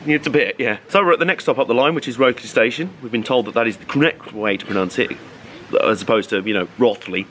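A man's voice: medium pitch, fast talker, fairly bright tone. Chatty man vlogging outdoors in rain. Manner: chatty, upbeat, laughs often. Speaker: vlog host. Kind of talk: casual travel vlog chat. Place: outdoors at a heritage railway station in rain. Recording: noisy outdoor recording.

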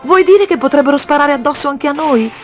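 High, bright-eyed storybook child, full of questions, read by one storyteller. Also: expressive, brisk, soft background music. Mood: eager.

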